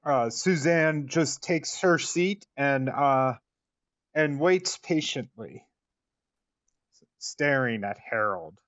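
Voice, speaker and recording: Slow, halting man narrating play. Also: medium pitch, expressive, fairly bright tone, no echo, lo-fi sound. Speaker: player. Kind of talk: narrating actions in a tabletop game.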